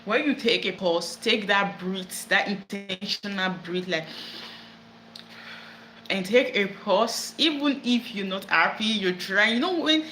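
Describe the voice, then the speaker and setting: A woman speaks earnestly in a casual self-help talk, repeating phrases and pausing to find her words. Her voice is bright, and the room around her is echoey with a faint ambient hum underneath. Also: medium pitch, lively intonation. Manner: earnest, repetitive, searching for words. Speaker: wellness vlogger.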